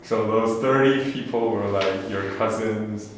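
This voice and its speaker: A man's voice: on the low side, unhurried, slight background noise. A man from South Korea conducting an oral history interview, asking questions tentatively and filling gaps with "like" and "oh". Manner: tentative, frequent "like" and "oh". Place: university hall room. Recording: echoey room.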